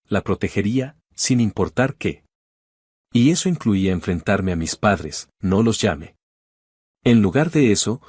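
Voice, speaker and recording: A man tells a first-person dramatic story in a steady, measured voice. His tone sits a little low and husky, and the recording is dry and close with no room around it. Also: no echo.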